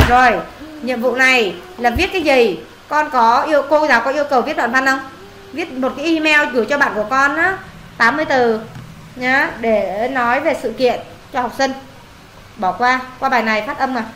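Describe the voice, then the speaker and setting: A woman with a high, fairly bright voice tutors a boy in English at a moderate pace, peppering him with questions and scolding or teasing him when he slips up. It's a casual one-on-one homework session recorded in an echoey room with faint ambience and slight background noise.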